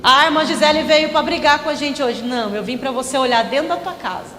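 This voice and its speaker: A woman from Brazil preaching a sermon as a missionary, animated and acting out quoted speech while calling on the congregation to respond. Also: high-pitched, a little fast, a little hiss or hum. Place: church hall. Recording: echoey church hall.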